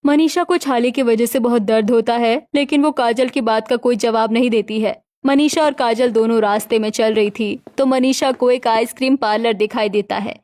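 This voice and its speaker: A woman's voice: fairly high pitch, steady tone, moderate pace, few pauses, a little mellow. Woman narrating a cartoon story.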